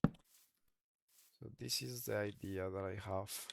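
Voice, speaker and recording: A Colombian let's play creator, a native Spanish speaker with a Colombian accent, gives relaxed gameplay commentary, hesitating and searching for words. His lowish voice is slow and gravelly, and the recording is very noisy.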